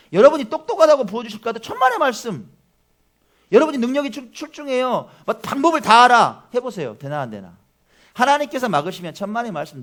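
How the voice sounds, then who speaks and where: Male pastor delivering a sermon, high and animated, alternating loud declarations with low asides. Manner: emphatic, questions the congregation often.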